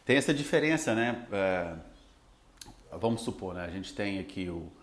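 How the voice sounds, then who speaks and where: Brazilian guy, english teacher, low voice, loose rambling chat, roomy echo. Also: normal speed, a little hiss or hum. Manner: relaxed, rambling, many fillers. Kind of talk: casual podcast chat.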